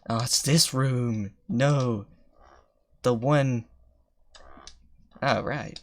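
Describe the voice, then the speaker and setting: A man's voice: mid-range voice, drawn-out words, a little hiss or hum. A young man talking casually to himself while playing a game, rambling and poking fun at his own skill. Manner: rambling, self-mocking, thinks aloud between attempts. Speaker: gamer streaming gameplay. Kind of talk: casual gameplay commentary.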